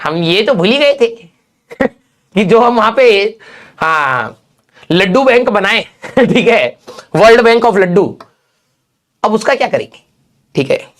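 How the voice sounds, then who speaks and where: A man teaching a class breaks off into a funny childhood story, his high voice leaping up and down. He tells it in an animated way and keeps asking his students a quick "okay?" as he goes.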